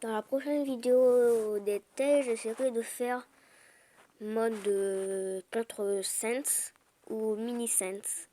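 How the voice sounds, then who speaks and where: A woman with a slightly high, mellow voice and fairly even intonation plays a phone game and chats casually about it, taking her time and explaining with lots of hesitations and fillers. It sounds like a phone screen recording, with the game's music playing behind her.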